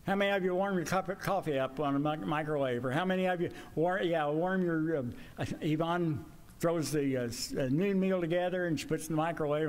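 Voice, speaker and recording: Older male preacher, slightly high-pitched, folksy and conversational, speaking from the pulpit into a stand mic. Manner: folksy, conversational, pitch swings up when emphatic. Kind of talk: sermon. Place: church sanctuary with pews.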